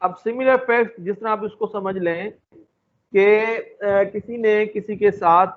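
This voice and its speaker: A male law lecturer with a Pakistani accent and a high-pitched voice gives an informal explanatory talk, mixing in English terms and explaining haltingly through everyday examples. His tone stays steady, and the audio is muffled, thin and lo-fi, like a phone call.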